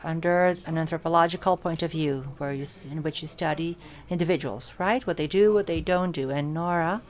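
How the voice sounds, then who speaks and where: At an academic symposium, a simultaneous interpreter with a fairly low voice renders audience questions live. She keeps close behind each speaker, delivering their words in short bursts with pauses and quick self-corrections.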